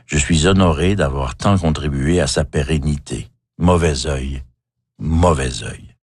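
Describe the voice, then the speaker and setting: Deep-voiced Québécois man reading a memoir. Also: breathy edge, no echo, studio quality. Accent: Québécois French. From Quebec. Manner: measured, wry, slightly theatrical. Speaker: author narrating his memoir. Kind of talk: reflective autobiographical reading.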